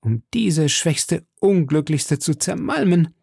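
A man's voice: medium pitch, animated, normal speed, mellow, no echo, studio quality. A man reading an audiobook, voicing a captive noblewoman who pleads fervently and passionately. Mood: impassioned. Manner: impassioned, pleading.

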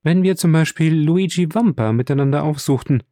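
A man reading the part of an earnest young gentleman in an audiobook, polite and pressing, a bit raised in pitch. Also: a little fast, no echo, studio quality, close to an everyday voice. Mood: earnest, urgent.

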